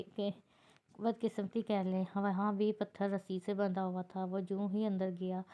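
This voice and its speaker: Smooth-voiced woman reading a novel aloud. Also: medium pitch. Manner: steady, unhurried narration with occasional slips. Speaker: novel reader. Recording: dull lo-fi recording.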